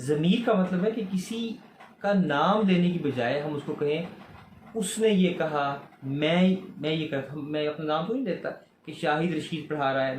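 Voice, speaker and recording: A man's voice: fairly high pitch, a little mellow. Male teacher with a Pakistani Urdu accent, children's lesson, repeats words patiently, faint room hum behind. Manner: patient, repeats each word slowly and asks questions back. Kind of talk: recorded language lesson for children. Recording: echoey room, faint ambient noise.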